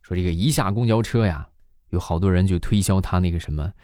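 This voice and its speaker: A man's voice: sits low, fast talker, dark tone, no room sound. Male comic, dry close sound, folksy delivery. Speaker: comedian. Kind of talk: stand-up joke telling.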